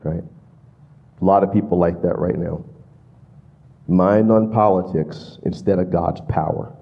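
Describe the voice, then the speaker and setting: A man preaching a sermon as pastor, in an animated manner, often adding "right?" to his points. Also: deep voice, measured pace, vocal fry, muffled recording.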